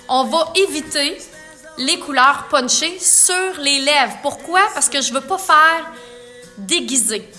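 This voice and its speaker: A woman's voice: high voice, sharp tone. A woman, a makeup artist chatting through a tutorial and explaining products to viewers.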